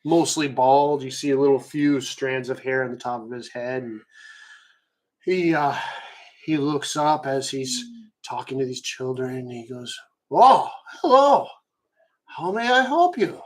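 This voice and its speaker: A man's voice: medium pitch, little pitch movement, measured pace, a little mellow, poor audio. A man narrating a tabletop game as dungeon master, loose and rambling with many fillers.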